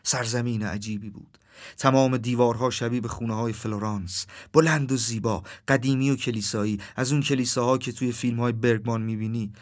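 Calm man narrating a dreamlike story. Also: mid-range voice.

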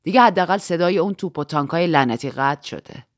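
A woman's voice: sits low, lively intonation, dry recording. A woman voicing a blunt, sardonic man in an audiobook, in close to her own voice.

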